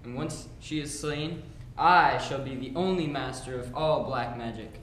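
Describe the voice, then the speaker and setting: A young teenage boy plays a scheming, scornful sorcerer's pupil in a school radio play, declaiming grandly with a scornful, gloating mood. His medium-pitched voice is unhurried, fairly bright and lightly acted. The recording has roomy echo and faint background noise.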